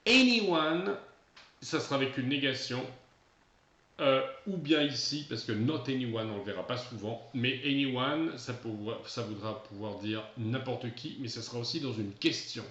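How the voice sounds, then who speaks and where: A French-speaking male English teacher explaining exercises, switching between French and slow, stressed English examples. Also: mid-range voice, a bit bright. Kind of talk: recorded video lesson. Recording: echoey room, dull lo-fi sound.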